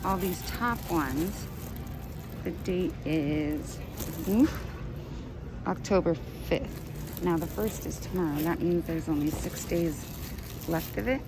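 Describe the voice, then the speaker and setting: A woman's voice: fairly low pitch, takes it slowly, pauses often. A woman chatting casually as a vlogger in a grocery store, her voice slightly muffled by a face mask. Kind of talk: casual shopping vlog chat. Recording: noisy store background.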